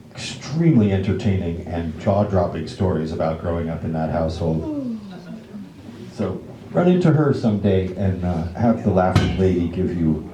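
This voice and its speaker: In an echoey indoor library event room, a man hosts a live staged reading, giving the audience a casual, wry, theatrical introduction. His voice is low-pitched and mellow, and the recording carries a little hiss or hum.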